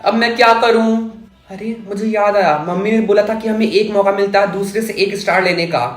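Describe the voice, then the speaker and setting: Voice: medium pitch, steady tone, brisk, reverberant, faint music behind, close to an everyday voice. A voice actor playing an anxious schoolboy in a cartoon, who worries aloud and talks to himself. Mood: worried. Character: anxious schoolboy scheming to collect stars. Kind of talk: cartoon dialogue.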